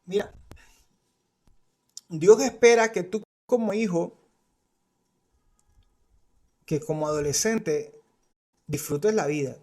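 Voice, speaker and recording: A man preaching a sermon to parents and teenagers, animated and conversational with playful asides. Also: sits high, slow pace, pauses often. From Colombia. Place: studio.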